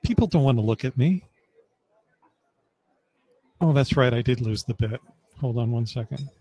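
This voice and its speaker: A man organizing a web developer meetup, presenting news over a video call in a relaxed, rambling way with fillers and restarts. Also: mid-range voice, moderate pace, husky, poor audio. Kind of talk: casual online meetup presentation.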